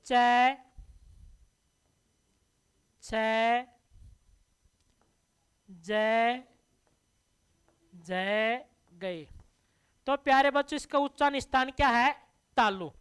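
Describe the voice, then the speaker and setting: High-voiced, slow-paced woman teacher. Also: clean tone. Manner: asks questions and answers them herself, drilling terms; addresses listeners as dear children. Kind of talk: classroom lesson.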